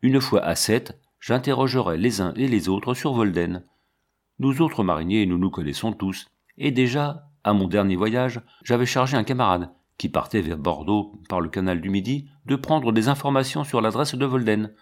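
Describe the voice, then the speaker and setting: A man voicing a kindly, fatherly sailor captain in a storybook reading, calm and reassuring. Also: on the low side, normal speed, close to an everyday voice. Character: kindly middle-aged male sailor captain.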